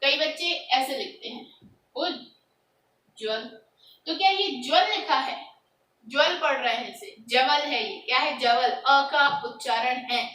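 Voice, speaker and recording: A woman's voice: high voice, normal speed, pushed and bright, echoey room, distant mic, poor audio. A woman teacher giving a grammar lesson, asking her students questions and answering them herself. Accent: Hindi.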